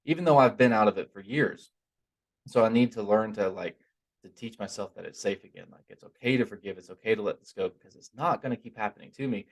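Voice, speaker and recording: A man giving an informal, earnest spiritual talk in a conversational, stop-and-start way, his r sounds softened toward w. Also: on the low side, poor audio. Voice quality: trouble pronouncing r, softened toward w. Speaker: religious teacher giving a talk.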